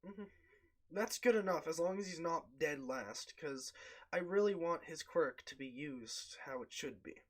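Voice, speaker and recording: A man talks through his turn in a casual tabletop role-play, his voice sitting a little high. He rambles and drops into brief in-character asides. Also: lively intonation, measured pace. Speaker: player.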